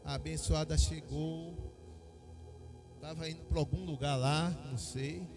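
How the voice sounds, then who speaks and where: A middle-aged Brazilian man preaching a sermon, telling a personal story and acting out the dialogue with lively energy. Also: fairly high pitch, measured pace, creaky, music in the background. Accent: Brazilian Portuguese. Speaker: pastor.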